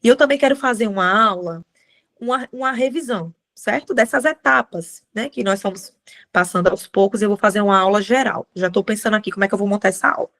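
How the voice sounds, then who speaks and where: A woman's voice: medium pitch, quick pace, a bit bright. A woman teaching a writing class live, chatty, often checking in with students. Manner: chatty, addresses students as gente, many tag questions.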